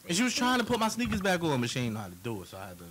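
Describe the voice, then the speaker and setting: A man's voice: fairly high pitch, racing, very noisy. A man telling stories in a casual group chat, laughing often. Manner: animated storyteller, laughs a lot. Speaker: co-host.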